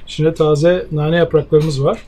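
A man in his sixties hosting a food show at a cafe, tasting dishes and speaking in a measured, appreciative way with many hesitations. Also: a little high, little pitch movement, crowd noise. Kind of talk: casual tasting interview. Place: outdoor cafe terrace.

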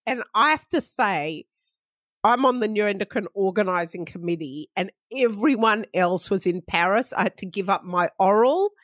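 Chatty woman, slow, dry sound. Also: mid-range voice, dry recording. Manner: chatty, playful, quick asides. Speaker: podcast co-host. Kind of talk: casual chat.

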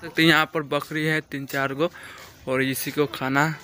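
A man's voice: fairly high pitch, level tone, unhurried, sharp tone. A young man, narrating a casual village vlog as he walks, talking to a phone camera held at arm's length outdoors. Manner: chatty, walking narration to a handheld camera. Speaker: vlogger. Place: outdoors in a foggy village field.

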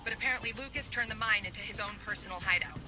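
A man voicing a mission handler in a video game, speaking in a brisk, businesslike way over game music. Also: high voice, natural voice. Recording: game audio with music behind.

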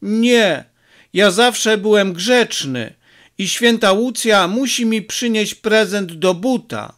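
A man's voice: high voice, animated, slow pace, a bit bright, voice pushed up, exaggerated voice. A man voicing a stubborn, hurt six-year-old boy who pleads and insists, in an audiobook reading. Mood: stubborn, plaintive.

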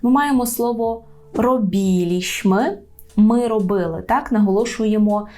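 Woman tutor, mid-pitched, patient explainer, slows to model words, faint music under. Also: darkish tone. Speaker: language teacher. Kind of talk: online language lesson.

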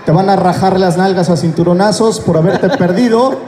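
A man with a high voice speaks at a moderate pace, joking with fans from the stage and laughing at his own jokes. He's a voice actor appearing as a guest at a fan convention, talking into a handheld mic inside a large, crowded indoor hall. Filmed from the audience, the recording is echoey and full of loud crowd noise.

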